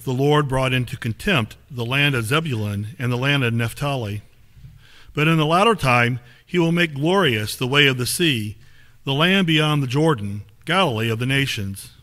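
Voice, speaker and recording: A man reading scripture aloud in a steady, measured way during a church service in a small sanctuary, picked up by a far camera. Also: mid-range voice. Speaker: lay reader.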